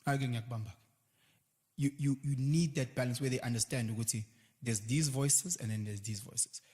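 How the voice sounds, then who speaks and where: A South African man talks animatedly as a guest, dipping into quick quoted voices as he makes his points. His voice sits at an ordinary pitch. A long reverberant tail hangs on every word. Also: mellow. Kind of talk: casual conversation.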